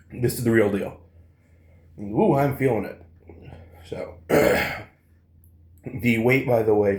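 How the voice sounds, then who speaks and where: A man's voice: on the low side, darkish tone. A man talking casually to viewers in an eating challenge vlog. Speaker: food challenge vlogger. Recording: roomy, echoing indoor sound.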